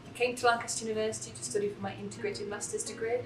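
A young woman from the Czech Republic, a chemistry PhD student, explaining her research in an earnest, measured way with the odd um. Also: medium pitch, flat delivery, fairly bright tone. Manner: earnest, measured, with occasional ums. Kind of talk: scripted explanation to camera. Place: chemistry lab, indoors. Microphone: camera at a distance. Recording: echoey lab room with distant mic, music behind.

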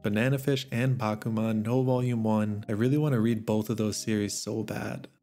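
Narrating a relaxed vlog about his new books, a manga vlogger speaks in a fairly low, slightly worn voice at a normal speed with a steady tone. He comes across as chatty and keen, laughs softly, and faint music sits behind him.

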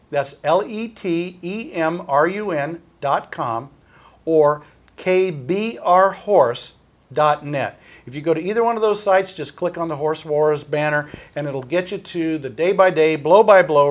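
A high-pitched man talking in an on-air discussion. He pushes urgently for wild horses, stacking up repeated phrases and quick restarts.

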